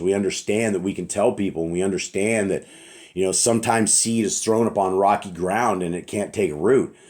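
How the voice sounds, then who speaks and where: Deep raspy-voiced man teaching scripture. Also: mellow. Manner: rambling, earnest, asks "right?" often.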